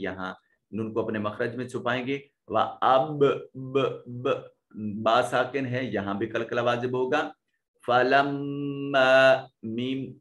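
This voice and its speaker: A man's voice: mid-range voice, fairly bright tone. A man teaching a tajweed lesson, explaining pronunciation rules step by step and demonstrating the sounds himself. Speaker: Quran teacher.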